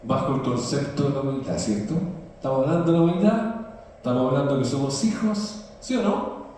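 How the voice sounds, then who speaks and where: A man's voice: medium pitch, lively intonation, brisk, darkish tone, a little hiss or hum. A man preaching a sermon to a congregation, often asking them to answer back. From Chile. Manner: asks the congregation for responses. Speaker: pastor. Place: large church hall. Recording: echoey church hall from far off.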